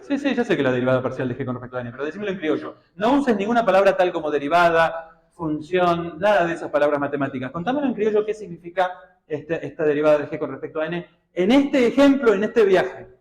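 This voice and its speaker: A man with an Argentine Spanish accent gives a classroom math lecture in a high, lively voice that rises and falls a lot. He keeps questioning his students and checking they follow. The sound is echoey, as in a classroom. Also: fast talker. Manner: questioning, checks understanding often, colloquial. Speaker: math teacher.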